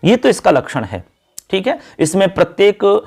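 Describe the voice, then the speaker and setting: A male teacher giving an exam-focused lesson, calling his viewers friends and children and chanting verses slowly. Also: sits high, very animated, vocal fry, a little mellow.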